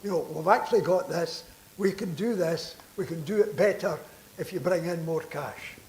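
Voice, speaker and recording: Speaking from a conference panel, an older, long-serving politician presses his argument earnestly and persuasively, restarting and repeating words for emphasis. His somewhat high, slightly mellow voice moves at a normal speed. The hall echoes and there's background noise.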